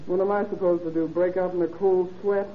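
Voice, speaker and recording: A woman's voice: lowish voice, fairly even intonation, brisk, slight background noise, close to an everyday voice. A woman playing a hard-boiled, short-tempered crook's accomplice in a 1930s-style radio drama, slangy and snide. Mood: sarcastic. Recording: muffled old radio recording.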